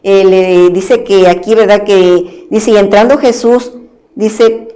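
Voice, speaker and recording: Woman, church preacher, reads scripture, halting restarts, tag question after each phrase. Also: mid-range voice, fairly even intonation, warm tone. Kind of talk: Bible reading and preaching.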